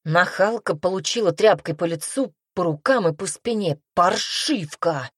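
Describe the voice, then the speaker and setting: Low-voiced woman narrating an audiobook. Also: moderate pace, slightly rough, dry recording, studio quality. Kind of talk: first-person audiobook narration.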